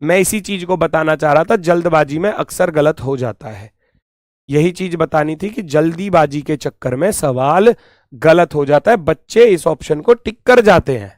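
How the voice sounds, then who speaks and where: Male exam coach, slightly high-pitched, dry close sound; playfully scolds students and drills key words over and over. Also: moderate pace, no echo. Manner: repeats key words while pointing at a diagram. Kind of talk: online exam-prep lesson.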